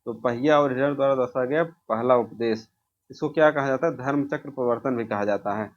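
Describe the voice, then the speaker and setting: A man with a medium-pitched voice teaches informally and fairly quickly, posing exam questions and then answering each one himself. The audio is dull and lo-fi, its top end muffled.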